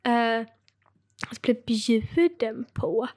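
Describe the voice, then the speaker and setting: A woman's voice: a little high, a little mellow. Young Scanian woman, rambling chat. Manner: rambling with many fillers, giggles. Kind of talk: casual chat.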